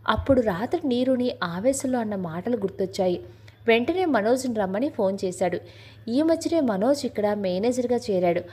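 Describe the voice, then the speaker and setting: A woman storyteller reading a scripted romantic story aloud in a steady, even way. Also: on the high side, normal speed, breathy edge.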